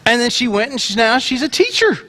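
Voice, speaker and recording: A man's voice: very high voice, very animated, fairly quick, pushed and bright. A middle-aged man preaching a sermon, telling a self-mocking story. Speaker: pastor.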